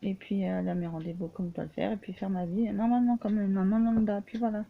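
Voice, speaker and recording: A woman vlogging casually, speaking haltingly with many restarts and fillers, often tired and short of breath. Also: mid-range voice, flat delivery, creaky. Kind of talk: casual personal vlog. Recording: tinny phone-like sound.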